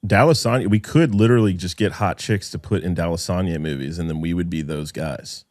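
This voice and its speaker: A man hosting a casual podcast, speaking with a low voice. He talks loosely and jokingly, full of fillers. The sound is dry and close, with no room in it. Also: brisk, a little mellow, no room sound. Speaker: podcast host. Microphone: remote call.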